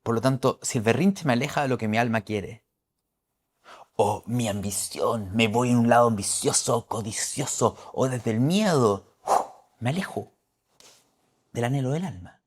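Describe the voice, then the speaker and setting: A man's voice: mid-range voice, normal speed, long pauses. A middle-aged man giving an astrology forecast talk, emphatic and preacherly, repeating key phrases.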